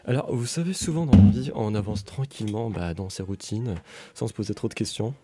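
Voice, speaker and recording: A man's voice: on the low side, animated, a little fast, dark tone. A young man reading a humorous, ironic radio column with playful asides.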